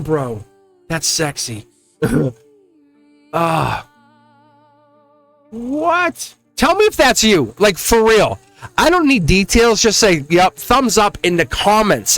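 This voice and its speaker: Animated Boston-accented man, higher-pitched voice. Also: dry recording. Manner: exclamatory, slangy, addresses viewers directly. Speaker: tarot reader and channel host. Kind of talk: casual, rambling zodiac tarot reading to viewers.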